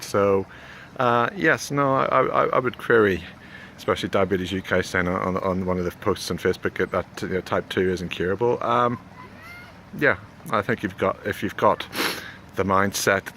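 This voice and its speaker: Male, forties, low pitch, hesitant conversational vlogger, recorded outside with faint background noise. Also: bright, forceful tone. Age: 40s. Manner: hesitant, halting, with repeated words and frequent "you know". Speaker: video blogger giving a health update. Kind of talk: casual rambling spoken vlog. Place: outdoors near a road. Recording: clear background noise, outdoors with passing traffic.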